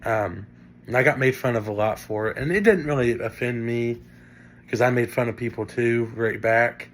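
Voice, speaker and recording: Young Midwestern man, Great Lakes accent, casual class-presentation delivery, mid-pitched, slight background noise. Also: moderate pace. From northern Indiana. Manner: casual, many fillers and restarts. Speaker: student presenting a class assignment.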